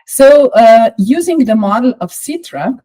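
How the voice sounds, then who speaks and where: A woman with a Slovenian accent lecturing on a course, measured and explanatory, with frequent pauses and fillers. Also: fairly high pitch, animated, mellow, low-quality recording.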